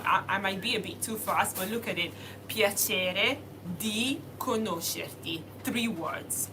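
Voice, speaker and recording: A young woman from Italy teaching a casual video lesson, speaking slowly and deliberately and spelling out words. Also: medium pitch, noisy background. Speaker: language teacher.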